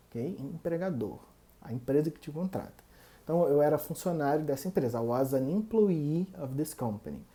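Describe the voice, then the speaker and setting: A young man with a Brazilian Portuguese accent, teaching English vocabulary and repeating each word slowly to model its pronunciation. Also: fairly high pitch, mellow. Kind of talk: English lesson for Portuguese speakers.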